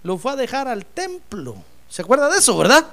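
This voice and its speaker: A man's voice: very high voice, big pitch swings, brisk, pushed and bright. A man preaching a sermon with fervor, calling his listeners brother and acting out the voices he quotes.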